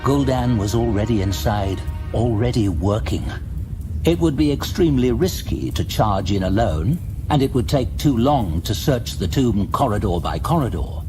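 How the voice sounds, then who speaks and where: Over loud dramatic background music, a man narrates a fantasy audio drama from a script. His voice sits on the low side, and he reads expressively at a moderate pace.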